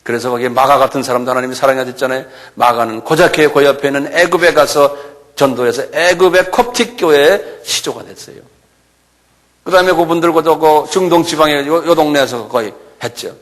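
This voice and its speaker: A male pastor preaching a sermon in a church, animated and full of rhetorical questions. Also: on the high side, fairly quick. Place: church sanctuary.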